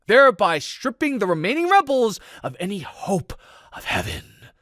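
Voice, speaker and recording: A man's voice: expressive, measured pace, no room sound, studio quality. A man voicing an arrogant, defiant male military leader who talks in a brash, challenging way. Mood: fervent. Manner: brash, challenging, rising pitch.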